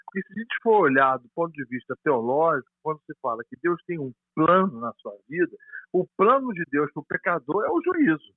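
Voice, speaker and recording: A man's voice: a little high, very animated, brisk, no room sound. A man with a Brazilian Portuguese accent, a pastor speaking over a phone line, explaining theology earnestly with frequent hesitant restarts. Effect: heard over a phone line. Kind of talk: theological discussion on a call. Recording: tinny dry phone line.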